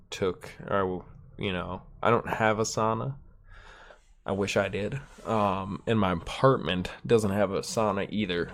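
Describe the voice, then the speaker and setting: A man with a very low voice talks through a solo podcast episode, loose and meandering. He swears freely and leans on fillers, and he sounds stuffed up. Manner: rambling, profane and laid-back, with many fillers. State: stuffed-up nose. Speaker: podcast host. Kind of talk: solo casual podcast chat.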